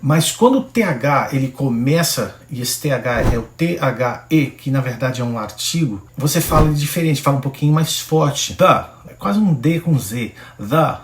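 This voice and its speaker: A man from Brazil teaching an English lesson built on Bible verses, speaking straight to the viewer in a lively, coaching way. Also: mid-range voice, normal speed, few pauses, echoey room. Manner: animated, coaching, direct address to viewer.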